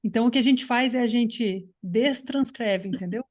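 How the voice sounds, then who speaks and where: Woman teacher, slightly high voice, patient explainer on a video call. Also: moderate pace, a little mellow. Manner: patient, explanatory, checks understanding often. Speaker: English teacher. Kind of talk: live online class.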